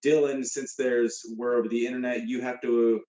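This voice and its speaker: A man's voice: medium pitch, flat delivery, normal speed, dark tone, reverberant, muffled recording. A man hosting a casual comedy trivia game, rambling with many fillers and restarts. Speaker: host. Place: room with a guest beside him.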